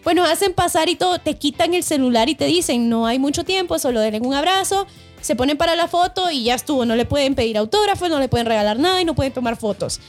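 A woman, co-hosting a podcast and telling a story in a lively, animated way, often laughing and acting out what people said. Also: high-pitched, fast, faint music behind. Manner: animated, acts out quotes in changed voices, laughs often. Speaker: podcast co-host. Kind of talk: casual storytelling chat.

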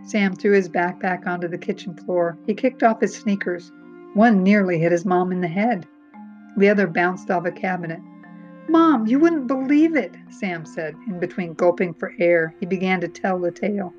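A woman's voice: on the low side, steady tone, moderate pace, darkish tone, faint music behind. Woman reading a spooky children's story. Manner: dramatic read-aloud with sound-effect words. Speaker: narrator. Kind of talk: storybook read-aloud narration. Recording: dull, muffled reading recording.

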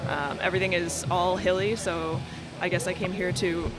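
A woman's voice: on the low side, little pitch movement, normal speed, over music, poor audio. A young woman from upstate New York, a taproom bartender chatting casually on a podcast and laughing often. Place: brewery taproom.

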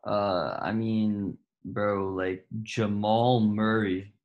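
A young man co-hosting a casual sports chat, relaxed and hesitant, with lots of fillers and slang. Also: fairly low pitch, drawn-out words, lo-fi sound. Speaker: co-host.

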